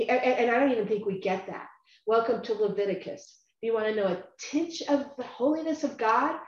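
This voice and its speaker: Earnest woman leading a Bible chat. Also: on the high side. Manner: earnest, animated, rambling with sudden drops to quiet. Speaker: Bible study host. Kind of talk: casual faith discussion. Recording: echoey room, muffled lo-fi sound.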